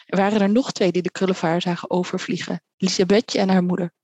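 A woman reading a children's story aloud as a storyteller, with lively voices for the characters. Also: fairly low pitch, quick pace, no echo.

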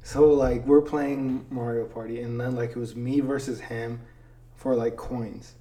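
A man's voice: mid-range voice, fairly even intonation, unhurried, dark tone. Laid-back young man telling stories. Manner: laid-back, peppers speech with "dude" and "like". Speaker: podcast host. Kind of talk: casual storytelling chat.

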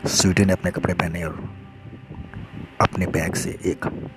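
Male storyteller, very low voice, steady hushed narration, loud background music. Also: unhurried.

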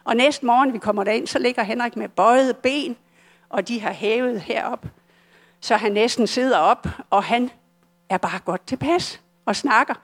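An older woman with a Danish accent telling her personal story at a church service, earnest and halting, often restarting her sentences. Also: fairly high pitch. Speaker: church testimony speaker.

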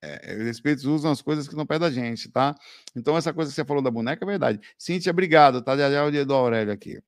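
A man's voice: mid-range voice, rapid-fire, no room sound, clean studio sound. A Brazilian man, hosting a casual live stream and telling stories with lots of slang and laughter. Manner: animated storytelling, laughing, slangy with "velho" and "cara". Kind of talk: casual live chat answering viewer questions.

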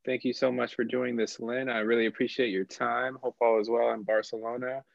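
A man's voice: medium pitch, level tone, fairly quick, gravelly, no echo, faint music behind. A man hosting an interview, asking long, rambling questions full of fillers. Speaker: interview host. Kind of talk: remote interview. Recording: dry, dull lo-fi audio.

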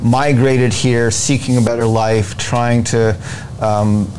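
An American man giving deliberate, emphatic explanations as an interview guest, often repeating phrases to build a point. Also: mid-range voice, steady tone, darkish tone. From United States. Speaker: interview guest, presidential candidate. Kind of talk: explanatory political interview talk. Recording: noticeable background noise.

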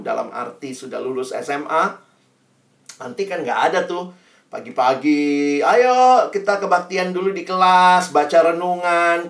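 A young man preaches to students in a chatty, lively way, stressing key words with sudden bursts. His voice sits in a roomy space, picked up from a distance. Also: a little high. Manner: conversational, acts out quotes, sudden loud emphasis. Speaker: youth preacher. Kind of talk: sermon to students.

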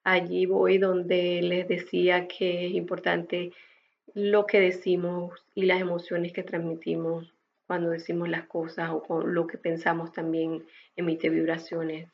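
Casting: woman teacher explaining concepts, measured and deliberate, lowish voice with some fry. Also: monotone, highs cut off, slight background noise. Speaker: meditation teacher. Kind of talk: explanatory spoken lesson.

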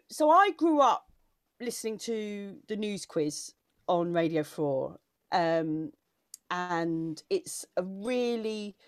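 A woman's voice: mid-range voice, dry recording, studio quality. A woman comedian chatting casually and emotionally, talking in digressive bursts with frequent restarts. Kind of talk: casual chat.

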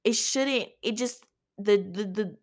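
A woman's voice: medium pitch, takes it slowly. A young woman hosting her own talk show, speaking in an impassioned, emphatic monologue that often repeats and restarts phrases. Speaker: podcast host. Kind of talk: personal commentary monologue.

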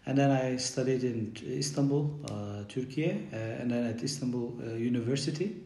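A middle-aged man from Bulgaria, a university professor, answering podcast questions in a hesitant way with many pauses and fillers. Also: medium pitch, gravelly, dark tone, echoey room. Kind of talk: podcast interview.

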